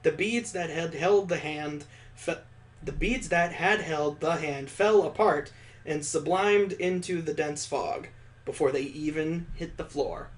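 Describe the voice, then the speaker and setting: For a let's-play of a visual novel, a man with a slightly high voice reads the prose aloud at a measured pace. In between, he tosses in casual, wry, joking ad-libbed asides.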